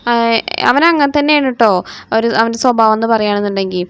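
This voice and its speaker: A woman in her thirties with a Malayali accent, slightly hoarse, chatting through a morning cooking vlog in her kitchen. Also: fairly high pitch, fast talker. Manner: chatty, ends phrases with a soft "tto". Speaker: family vlogger. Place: home kitchen.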